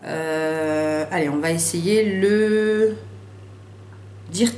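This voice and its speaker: In a sunny room at home, a beauty vlogger with a fairly low voice does a casual makeup haul, swatching colours and talking extremely slowly. She speaks in slangy, excitable bursts, swears freely, and stumbles over English names. The audio has a roomy echo and faint background hiss.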